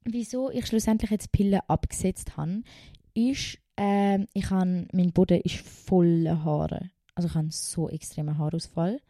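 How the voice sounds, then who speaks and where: A woman's voice: lowish voice, fairly even intonation, unhurried, dark tone, no echo, clean studio sound. A young woman from Switzerland with a Swiss German accent, casually telling a personal story in a vlog, emotional and chatty, swearing now and then and dropping in English phrases. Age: young adult. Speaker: vlogger.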